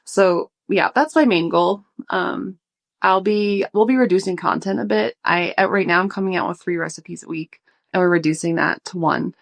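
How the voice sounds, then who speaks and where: Slightly breathless woman, relaxed and thoughtful. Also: on the low side, moderate pace, gravelly. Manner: relaxed, thoughtful, many fillers. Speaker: guest, food blogger. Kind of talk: casual interview.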